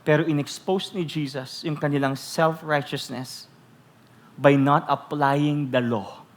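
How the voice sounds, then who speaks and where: A Filipino man preaching a sermon as pastor, teasing the congregation with rhetorical questions and loudly acting out quoted voices. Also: fairly high pitch, fairly even intonation, slow. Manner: switches between Tagalog and English, acts out quoted voices loudly.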